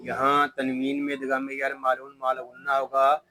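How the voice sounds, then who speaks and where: A man teaching Quran recitation, spelling each word slowly letter by letter, explaining the tajweed rules, and then reciting the verses melodically. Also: mid-range voice, completely flat delivery, bright, forceful tone, slight background noise, poor audio.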